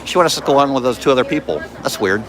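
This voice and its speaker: Male streamer, casual chat, very animated intonation, recorded in a noisy crowd. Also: medium pitch, very fast. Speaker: live streamer. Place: busy public theme park. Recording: busy crowd noise around him.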